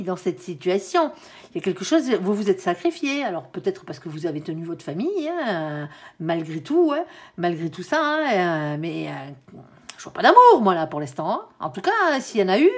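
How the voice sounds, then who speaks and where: A woman talks viewers through a tarot spread in a relaxed, conversational way, tagging her phrases with "hein". Her voice sits at a middling pitch but swoops up and down in an animated melody. She now and then trips over a word and carries on. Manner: frequent tag "hein", conversational and reassuring; stumbles over words. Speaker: tarot card reader. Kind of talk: tarot reading addressed to viewers.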